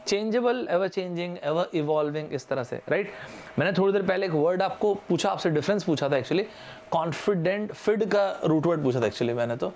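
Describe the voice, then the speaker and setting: A young Indian man with a high-sitting, animated voice and a darkish tone teaches vocabulary in a live online exam-prep lesson at a moderate pace. Chatty and informal, he spells words letter by letter and asks viewers to answer in the comments. There's slight background noise.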